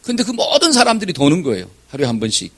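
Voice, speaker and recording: A man's voice: a little high, fast talker, husky. A man preaching a Sunday sermon to his congregation. He often asks them questions and guides them through reading scripture aloud. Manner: lively, animated delivery with shouted examples. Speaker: pastor. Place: church sanctuary.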